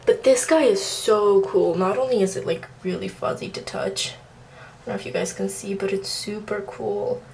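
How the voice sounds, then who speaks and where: This teen girl from southern California, speaking with a slight Armenian Russian accent, gives a casual indoor plant tour vlog of her apartment room and bathroom, using lots of fillers. Her mid-range voice is gravelly and a little mellow, with fairly even intonation at normal speed, on a low-quality recording with a little hiss or hum.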